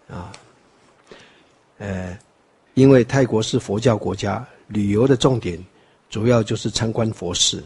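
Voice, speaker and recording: An older man from Taiwan with a Taiwanese Mandarin accent gives a rambling dharma talk lecture on Buddhist teaching, full of fillers and wry asides. His voice is lowish, warm and husky.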